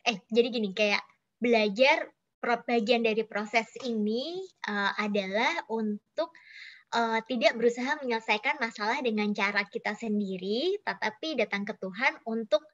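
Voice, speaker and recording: A woman's voice: fairly high pitch, normal speed, fairly bright tone, lo-fi sound. A woman hosting a church talk show, speaking casually and searching for words as she sums up.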